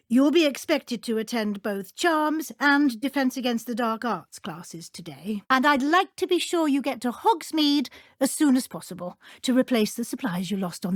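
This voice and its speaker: An actress playing a brisk, strict but encouraging British witch professor in a video game, speaking in a formal, articulate way. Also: on the high side, no echo, studio quality. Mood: encouraging, instructive. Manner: crisp, formal, articulate schoolteacher. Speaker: professor and deputy head at a wizarding school. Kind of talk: video game character dialogue.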